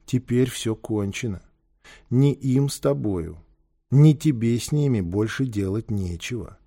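A man's voice: medium pitch, lively intonation, a little slow, dark tone. A man voicing a stern, commanding boy leader in a storybook reading. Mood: cold, stern. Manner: firm, cold commands.

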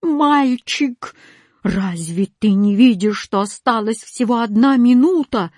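A woman's voice: on the high side, slow, a little mellow, dry recording, clean studio sound. A woman voicing an anxious, trembling question mark. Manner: trembling, worried.

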